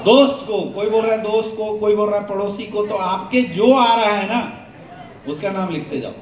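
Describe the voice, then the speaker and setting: A man's voice: high-pitched, normal speed. A man giving a sales training talk to an audience, quizzing the crowd with call-and-response questions. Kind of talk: motivational seminar talk to an audience. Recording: echoey hall, mic from a distance.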